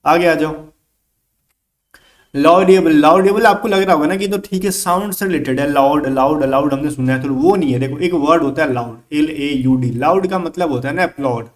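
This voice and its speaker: A man's voice: on the high side, normal speed. A man with an Indian English accent teaching an exam-prep English lesson. He talks in a chatty, coaxing way and keeps asking his students' questions for them.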